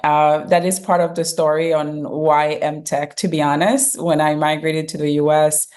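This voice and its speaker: A middle-aged woman from Haiti, a company founder answering interview questions in a measured way, with frequent um and uh fillers. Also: low-pitched, level tone, a little mellow. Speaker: guest, fintech founder and CEO.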